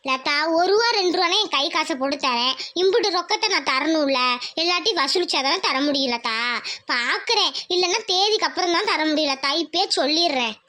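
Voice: very high voice, animated, fairly quick, pushed and bright, heavily acted. Someone voicing a firm money collector. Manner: firm, guarded. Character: middle-aged village woman, cautious money collector.

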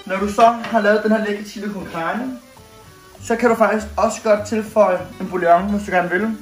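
A man's voice: sits high, steady tone. A man in his thirties, a fitness coach, talking playfully and theatrically through a cooking vlog in a small home kitchen. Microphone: camera at medium distance. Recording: echoey kitchen with faint music.

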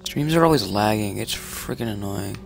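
A man's voice: on the low side, expressive, normal speed, vocal fry, soft background music. A man giving casual gameplay commentary as a streamer. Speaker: game streamer.

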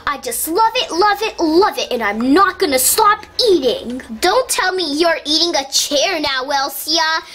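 A woman's voice: fairly bright tone, a little hiss or hum. A woman doing childlike voices for toddler dolls in a doll role-play video. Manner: high childlike voice, slow and sing-song. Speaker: doll play narrator voicing toddler characters.

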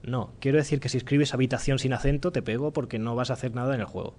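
A man with a Spanish accent from Spain giving a relaxed, joking live-coding talk in a lecture room, thinking aloud as he goes. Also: mid-range voice, fast, a little hiss or hum. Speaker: conference speaker.

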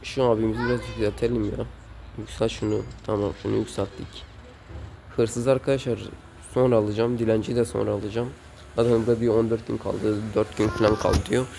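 A man's voice: lowish voice, little pitch movement, a little fast, creaky, warm tone, slight background noise. A man hosting a gaming channel, giving casual gameplay commentary at home, rowdy and swearing often as he scolds the game's characters.

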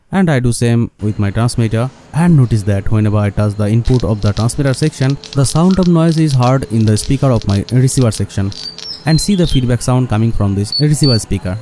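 With a medium-pitched, dark voice and a little background noise, this non-native English speaker presents a scripted DIY electronics tutorial. He's a hobbyist who talks straight to his audience, calling them "guys," and his phrasing is clearly non-native.

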